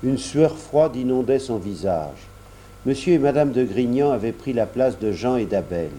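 A man narrating a storybook in a steady, measured way. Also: medium pitch, slight background noise.

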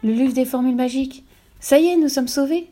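A woman doing a gentle, weary ghost princess. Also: mid-range voice, fairly quick, faint music behind, close to an everyday voice. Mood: hopeful. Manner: soft, sorrowful telling. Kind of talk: storybook reading.

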